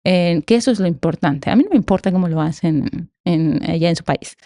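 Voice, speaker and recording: A woman's voice: on the low side, brisk, mellow, no echo, studio quality. A woman with a Mexican Spanish accent explaining ideas conversationally as an academic podcast guest, emphatic and given to rhetorical questions.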